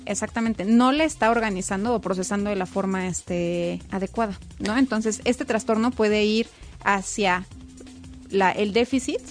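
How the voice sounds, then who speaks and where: A woman's voice: mid-range voice, normal speed, soft background music. A woman, a child development specialist, explaining emphatically in a casual conversation. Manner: explanatory, emphatic, quotes parents in raised voice. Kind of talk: casual expert chat.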